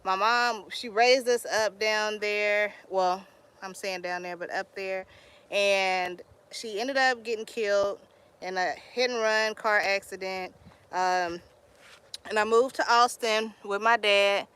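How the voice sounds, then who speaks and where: A young Texan woman chats casually on a live stream from her outdoor garden, greeting viewers and telling stories full of Southern slang. Her medium-pitched voice is slow and a bit bright, with fairly even intonation and a clean tone.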